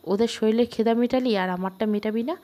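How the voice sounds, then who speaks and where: A woman reading the lines of a stern, bullying middle-aged village man in a storybook reading, giving orders gruffly in rural dialect. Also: on the high side, brisk, warm tone, close to an everyday voice. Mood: leering.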